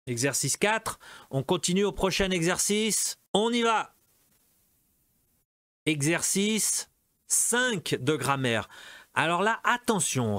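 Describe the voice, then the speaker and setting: A man's voice: a little high, a bit bright, no room sound, studio quality. A man teaching a French lesson, going through exercises patiently and explaining in both French and Portuguese. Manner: slow, patient, drawn-out teaching delivery. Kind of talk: recorded language lesson.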